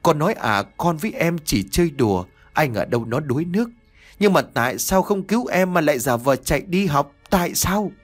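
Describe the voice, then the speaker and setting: Man doing a crying mom begging her son, husky voice, lively swings. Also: a little high, brisk, faint music behind, voice pushed up. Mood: tearful. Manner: pleading, sobbing confessions. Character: pleading middle-aged mother, tearful.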